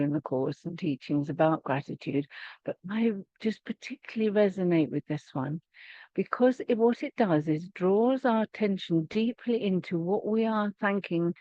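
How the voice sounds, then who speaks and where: A woman leading a meditation and talking about gratitude in a gentle, unhurried way, often restarting her phrases. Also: fairly low pitch, no room sound. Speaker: meditation teacher. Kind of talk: guided meditation and spiritual teaching. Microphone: video call. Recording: dull, dry video call audio.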